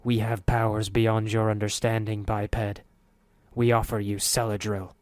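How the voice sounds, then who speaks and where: A man voicing a cold, unapologetic rat hive mind that speaks with a measured, commanding tone. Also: lowish voice, little pitch movement, clean tone, no room sound, close to an everyday voice.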